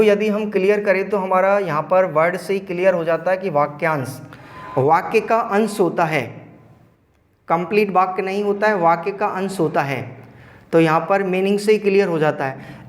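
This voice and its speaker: A man teaching an online grammar lesson, explaining slowly and repeating key terms. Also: high-pitched. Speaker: school teacher.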